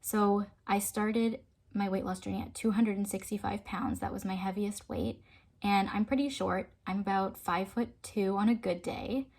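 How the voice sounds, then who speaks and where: Husky, gravelly-voiced woman telling her story. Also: mid-range voice, steady tone, moderate pace. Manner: earnest, emotional retelling, drops to a soft hush at times. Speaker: fitness vlogger. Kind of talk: personal storytime.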